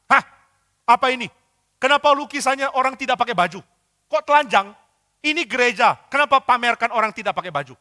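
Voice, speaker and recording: A man preaching voices an indignant older male church official who protests loudly. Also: very high voice, lively intonation, a little fast, pitched above the performer's own voice, full character voice. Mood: outraged. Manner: shouting, outraged protests.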